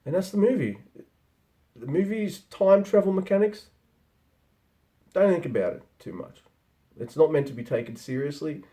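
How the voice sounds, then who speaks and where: A man's voice: on the high side, very animated, normal speed, long pauses, warm tone. A man giving a casual spoken film review, rambling and conversational, with frequent restarts.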